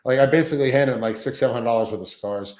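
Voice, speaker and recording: A man in his thirties, a guest telling profane, animated anecdotes in a casual interview, full of acted quotes. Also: mid-range voice, very fast, reverberant, low-quality recording.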